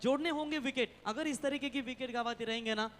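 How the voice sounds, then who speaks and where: A man with a very high-pitched voice commentates on cricket. His delivery is rhetorical and poetic, carried on a long echoing reverb. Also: brisk, fairly bright tone. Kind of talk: live cricket commentary with recited verse.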